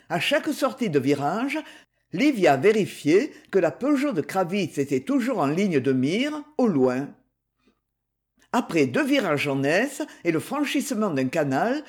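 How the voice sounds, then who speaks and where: An audiobook reader narrating a novel with steady, expressive reading. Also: mid-range voice.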